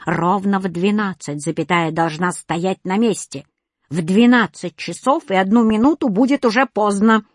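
Woman doing a creaky stern old comma-woman. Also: medium pitch, moderate pace, no echo, clean studio sound, close to an everyday voice. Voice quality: creaky, screeching.

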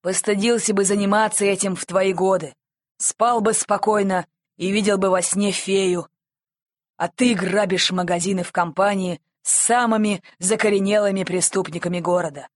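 A woman's voice: fairly low pitch, steady tone, slow, husky, no room sound, clean studio sound. A woman voicing a stern male policeman who lectures a boy in a scolding, moralizing way.

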